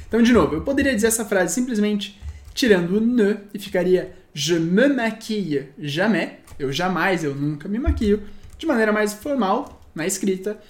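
A woman teaching a language lesson, explaining patiently and slowing down to read each example sentence. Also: medium pitch. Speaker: French teacher. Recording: echoey room.

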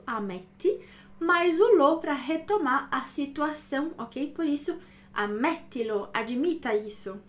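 Woman language teacher, high-pitched, patient explainer who keeps checking in. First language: Portuguese. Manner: explanatory, checks in with frequent "ok?" and "não é?". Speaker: Italian teacher. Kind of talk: explaining grammar to viewers.

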